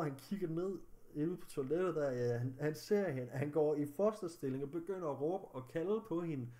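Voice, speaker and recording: Young male vlogger, slightly high-pitched, agitated, swears heavily. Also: mellow. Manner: agitated, angry, heavy swearing. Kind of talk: recounting a personal story to camera.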